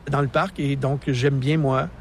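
A man's voice: medium pitch, flat delivery, measured pace, darkish tone, slight background noise. Québécois naturalist in his sixties. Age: 60s. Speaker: park naturalist and educator. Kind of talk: outdoor interview. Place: outdoors in a national park.

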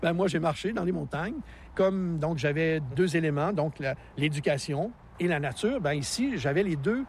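In this outdoor radio interview, a park naturalist in his sixties with a Québécois French accent describes the mountain scenery with eager, teacherly energy and ready laughter. He speaks at a normal speed with a fairly high pitch, over slight background noise.

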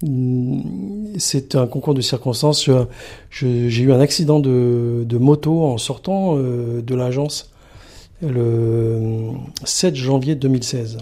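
Middle-aged guy from paris area, lots of ums, radio interview, mellow voice. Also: mid-range voice. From Paris region, France. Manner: halting, many filler pauses. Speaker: sanctuary communications manager, guest.

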